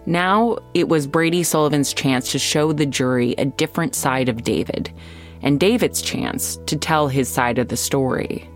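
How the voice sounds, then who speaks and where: An American woman hosting and narrating a scripted true-crime podcast in a measured storytelling way with deliberate pauses. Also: low-pitched, faint music behind.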